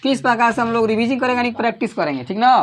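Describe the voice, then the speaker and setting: A man with a Bihari Hindi accent teaching a class, calling out questions for the students to answer together and sometimes raising his voice almost to a shout. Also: very high voice, expressive, racing, a little hiss or hum. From Bihar, India. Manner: raises his voice to a near shout at times. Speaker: coaching teacher.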